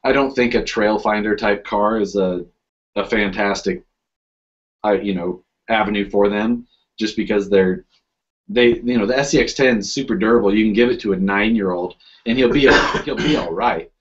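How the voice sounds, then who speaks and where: A man hosting a podcast talks in a lowish voice, rambling and leaning on "you know" as he restarts his sentences. The audio is dull and muffled, like a lo-fi podcast recording. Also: moderate pace. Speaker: podcast host. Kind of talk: casual chat.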